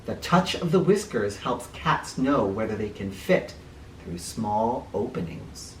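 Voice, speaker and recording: A children's book reader and teacher gives an animated, playful read-aloud, his pitch very lively and his pace a little slow, adding explanations and questions for young listeners. He sits a little far from the mic in a roomy space with faint noise.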